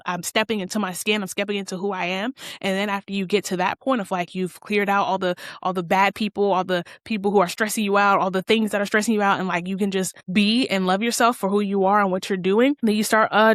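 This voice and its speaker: A young woman talks casually as a host, her thoughts loose and rambling, full of fillers and self-corrections. Her voice sits at an ordinary middle pitch. The recording is dry and close, with no room sound. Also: no echo. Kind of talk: casual spiritual talk.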